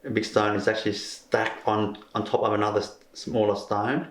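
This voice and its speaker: A man from Vietnam who answers interview questions haltingly, searching for his words. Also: lowish voice, flat delivery. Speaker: crystal healer being interviewed. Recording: roomy echo.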